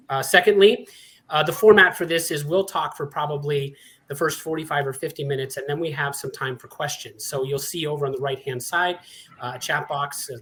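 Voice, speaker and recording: A man's voice: on the high side, a bit bright, slight background noise. A man in his forties from Montana hosting a conference session, with a friendly, chatty, self-deprecating manner. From Montana, USA. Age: 40s. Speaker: session host and panelist. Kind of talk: conference presentation.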